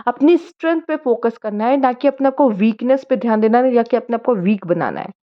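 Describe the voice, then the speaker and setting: A woman's voice: a little high, fairly quick, muffled recording. A woman giving a casual monthly tarot reading in a chatty, coaxing way, slipping English words into her talk. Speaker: tarot card reader.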